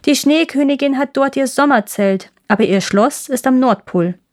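A gentle, homesick male reindeer from a fairy tale, voiced by a woman reader. He speaks with quiet longing and a raised, soft tone. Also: high voice, moderate pace, voice pushed up, lightly acted.

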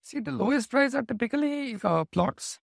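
A man's voice: very high-pitched, expressive, normal speed, creaky, no echo, studio quality. A man with an Indian English accent answering business interview questions in an explanatory way, sometimes correcting himself mid-sentence. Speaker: company executive, interview guest.

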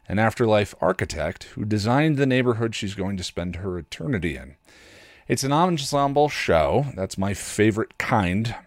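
A podcast host casually recommends streaming shows, rambling enthusiastically and thinking aloud as he goes. His voice is fairly low, and the recording is dry with clean studio sound.

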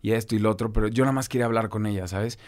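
Low, smooth-voiced Mexican young man. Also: fairly even intonation, racing, a little mellow. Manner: candid, slangy, rambling storytelling. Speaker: guest. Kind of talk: casual conversational interview.

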